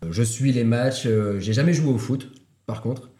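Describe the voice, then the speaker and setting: A Frenchman in his thirties with a mid-range, warm voice speaks at normal speed as a podcast guest. He chats casually and hesitantly, full of "euh" and restarts, in an echoey room.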